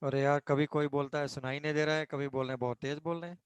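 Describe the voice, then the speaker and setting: A man with an Indian accent teaching a chemistry class online, dictating slowly and switching between Hindi and English. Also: a little high, steady tone, smooth, dry recording. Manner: slow dictation mixing Hindi and English, addresses students as beta. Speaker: chemistry tutor.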